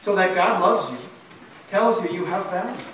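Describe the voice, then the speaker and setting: A male pastor preaches with earnest emphasis, his voice sitting high for a man. The sound is echoey and heard from far back in a church sanctuary, with faint noise behind. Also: normal speed, fairly bright tone. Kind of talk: sermon. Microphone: far camera.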